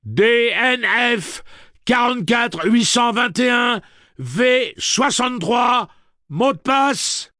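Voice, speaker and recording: Reader doing a brash young man yelling through a door, high and strained. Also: lively intonation, measured pace, dry recording, clean studio sound. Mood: shouting. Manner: shouting, raised and strained. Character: defiant quick-witted young man.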